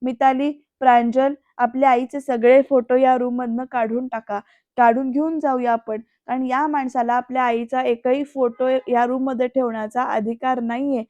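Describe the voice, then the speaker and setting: A woman's voice: sits high, steady tone, normal speed, dry recording, close to an everyday voice. A woman voicing an angry young man who confronts his father with a raised voice, on a dull lo-fi recording. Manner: shouting, raised voice. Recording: dull lo-fi dry voice-over.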